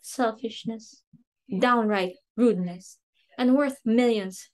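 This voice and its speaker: Speaking slowly in a slightly high, somewhat mellow voice, a woman reads the part of a status-obsessed, imperious, quick-tempered society hostess and mother in an amateur play reading. Her indignant, theatrical performance is furious and scolding.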